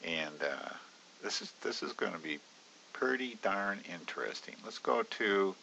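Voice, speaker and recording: A very low-pitched man talks through a trade in a loose, chatty way, full of ums and uhs. His voice has a bright, forceful edge. The recording is dull and lo-fi, with a faint hiss. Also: lively intonation, measured pace, vocal fry. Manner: casual, chatty, many fillers, bursts into high-pitched alarm retelling panic. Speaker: options trading educator. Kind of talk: screen-recorded trading walkthrough.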